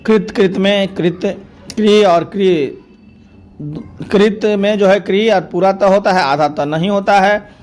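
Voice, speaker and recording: A male teacher running through spelling corrections word by word, stating each wrong form and then the right one in a steady, repetitive drill. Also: sits high, slow pace.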